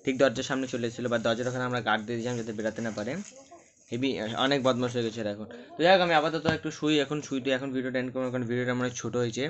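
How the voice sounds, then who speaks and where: A man's voice: medium pitch, fairly even intonation, very fast, dull audio. A man chatting casually through his daily vlog, rambling and self-deprecating. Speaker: vlogger.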